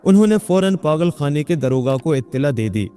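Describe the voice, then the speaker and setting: A man narrating a folk tale in a steady, measured storybook reading. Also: fairly high pitch, clear, resonant tone. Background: faint background music.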